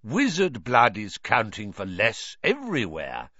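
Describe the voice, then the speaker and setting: A man voicing an oily, obsequious shopkeeper who talks slowly. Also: on the low side, wildly swooping pitch, bright, forceful tone, no echo, lo-fi sound, full character voice. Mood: fawning. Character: oily, fawning shopkeeper of dark objects.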